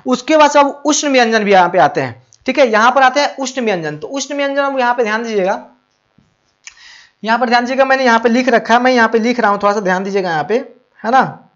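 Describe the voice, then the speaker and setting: Speaking fast in a very high, somewhat bright voice, a male teacher walks through board exam grammar, asking questions and supplying the answers. He checks often that students are following and addresses them warmly; the recording is muffled and lo-fi.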